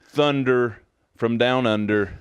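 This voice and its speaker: A basketball coach trading dry, teasing jokes in casual radio chat in a studio. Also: male voice, medium pitch, fairly even intonation, slow, smooth, dry recording, dull audio.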